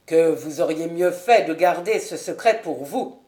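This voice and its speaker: A woman's voice: deep voice, dark tone, voice pushed down. Woman doing a cautious, weary nobleman. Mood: placating. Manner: placating, reluctant and measured. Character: cautious middle-aged nobleman, a weary high official. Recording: roomy home recording.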